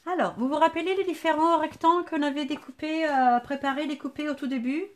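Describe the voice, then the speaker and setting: A high-pitched woman with a sing-song southern French accent leads a live scrapbooking tutorial from her craft table at home. She talks casually and thinks aloud, pausing to greet viewers by name. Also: fairly even intonation.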